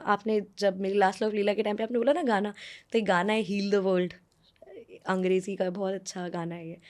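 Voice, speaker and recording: जोश से बोलती हुई भारतीय महिला मेहमान. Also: female voice, medium pitch. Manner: earnest, animated, mixes English words into Hindi. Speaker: guest, author. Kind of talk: conversational interview answers.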